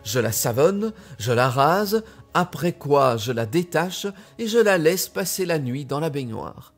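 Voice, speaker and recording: Male storyteller for a children's tale, unhurried and very animated, over faint background music. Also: fairly high pitch. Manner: expressive, deliberate storytelling. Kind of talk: reading a children's tale aloud.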